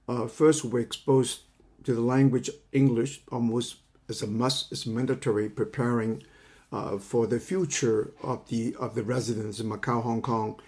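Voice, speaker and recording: A man in his 70s from China, Cantonese by first language, speaks in a mid-range, darkish voice while introducing a lecture. As a counseling psychology teacher, he pauses and repeats words, groping for the right phrasing.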